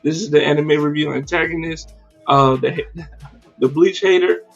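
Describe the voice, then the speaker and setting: A man hosting a casual livestreamed podcast, talking in an animated, slangy and profane way with many fillers. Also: a little high, moderate pace, vocal fry, muffled recording, soft background music. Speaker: podcast host.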